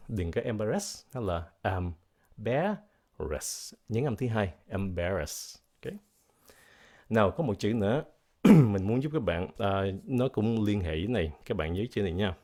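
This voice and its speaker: A man teaching English vocabulary in a bilingual lesson, explaining words slowly and repeating pronunciations, switching between English and Vietnamese. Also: fairly low pitch, expressive, dark tone. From United States.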